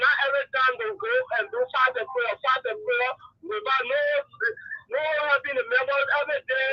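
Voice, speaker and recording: A man calling in to a talk show, speaking earnestly with halting restarts over a clipped phone line. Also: very high voice, husky. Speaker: caller.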